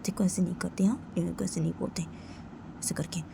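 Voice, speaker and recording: A woman voicing a gentle young woman who soothes her partner in a soft, coaxing voice that drops near a whisper, in a homemade storytelling video. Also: on the low side, steady tone, fast, vocal fry, noisy background. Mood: soothing.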